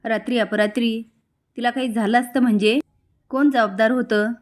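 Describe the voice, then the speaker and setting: A woman reading a sharp, suspicious aunt. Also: on the high side, steady tone, normal speed, close to an everyday voice.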